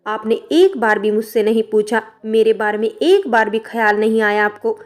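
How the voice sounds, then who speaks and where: A woman voicing a headstrong young wife who shouts and argues defiantly. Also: fairly high pitch, normal speed, soft background music, lightly acted. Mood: furious.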